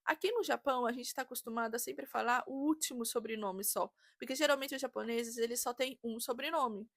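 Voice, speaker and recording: A woman's voice: on the high side, brisk, no room sound, clean studio sound. A woman, telling a story casually and animatedly as a vlogger. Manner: chatty, animated, re-enacts dialogue.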